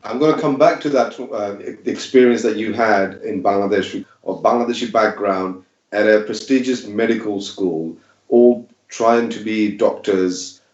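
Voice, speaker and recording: A man's voice: lowish voice, unhurried, a little mellow. A man hosting an interview who phrases his questions loosely, searching for words with fillers. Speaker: host. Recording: echoey room, dull sound.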